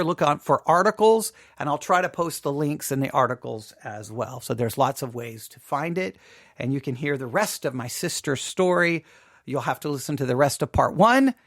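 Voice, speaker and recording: Recorded dry at studio quality, a man with a somewhat high, slightly bright voice hosts a podcast. He speaks informally about personal matters with strong emphasis, often saying phrases again to hammer them home.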